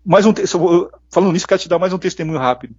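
A middle-aged Brazilian man with a high, slightly rough, a little mellow voice races through earnest personal stories in a casual interview. He acts out the voices he quotes in a Brazilian Portuguese accent, captured on dull, dry lo-fi audio with no room sound.

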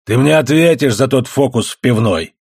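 Menacing brute blacksmith for an audiobook, read by a man: gruff, jeering, husky, dry close sound. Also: mid-range voice, normal speed, darkish tone, no room sound. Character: threatening heavy male blacksmith, young adult-to-middle-aged, brutish.

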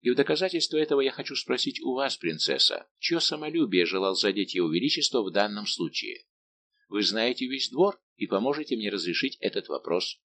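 A man's voice: mid-range voice, very animated, a little fast, a bit bright. A man reading an audiobook, voicing a devoted young nobleman count who speaks with respectful firmness. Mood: earnest.

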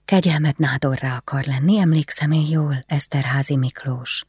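A narrator voicing a young noble widow who speaks softly and hesitantly, sometimes whispering, in an audiobook. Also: female voice, deep voice, slightly rough, no echo, clean studio sound. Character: young noble widow, shy but bold.

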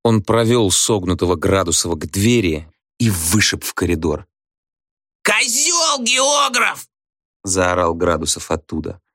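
A man narrating an audiobook in a vivid, expressive scripted reading. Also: low voice, moderate pace, hardly any pauses, no echo, studio quality.

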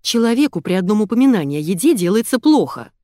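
A woman's voice: medium pitch, big pitch swings, a little fast, a little mellow, no room sound, studio quality. A woman voicing a blunt woman doctor who snaps orders curtly. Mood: angry. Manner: curt, snapping.

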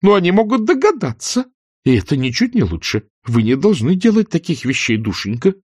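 Guy doing a shrill fretful old auntie, voice leaping all over, dry sound. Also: sing-song, fairly quick, darkish tone, husky, no room sound. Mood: scandalized. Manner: high, shrill, flustered. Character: fussy fluttery older aunt, easily tearful.

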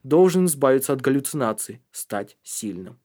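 A man's voice: medium pitch, animated, normal speed, mellow. A man reading an audiobook with tense, dramatic scripted narration.

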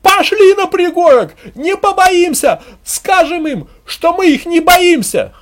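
A reader voicing a village woman who shouts to rouse a crowd. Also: animated, takes it slowly, heavily acted. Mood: rousing. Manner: shrill shouting.

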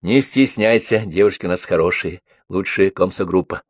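A man reading the part of a gentle young woman who speaks softly and kindly. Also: low-pitched, normal speed.

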